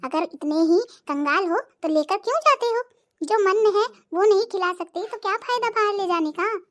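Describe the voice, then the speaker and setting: A voice artist playing a bossy, sharp-tongued middle-aged cartoon wife who nags and threatens. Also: very high-pitched, moderate pace. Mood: scolding. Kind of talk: cartoon voice acting.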